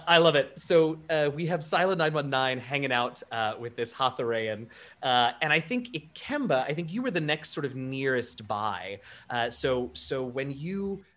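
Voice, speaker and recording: A man narrating a tabletop game as game master, relaxed and unhurried, with many fillers. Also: medium pitch.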